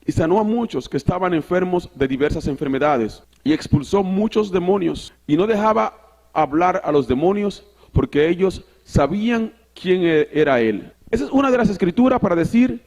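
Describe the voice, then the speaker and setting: A man with a high voice preaches a sermon. He reads the scripture out loud, repeats words and corrects himself, and drops an occasional "so" between his Spanish sentences. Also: lively intonation, normal speed. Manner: preaching with repetitions and self-corrections, reading scripture aloud. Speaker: pastor.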